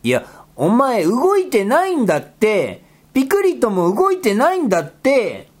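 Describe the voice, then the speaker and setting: A woman voicing a bossy, exasperated rabbit character who talks in rough boyish speech and scolds his partner in a comedy skit. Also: fairly high pitch, wildly swooping pitch, a little slow, a little mellow, full character voice. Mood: scolding, exasperated. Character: gruff bossy rabbit guy, exasperated straight man.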